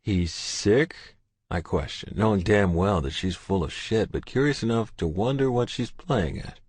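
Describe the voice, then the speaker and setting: A man with a very deep, low voice narrates a romance audiobook in the first person, gruff and intense. The read is dry and close with no room sound. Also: animated, moderate pace, darkish tone, no room sound.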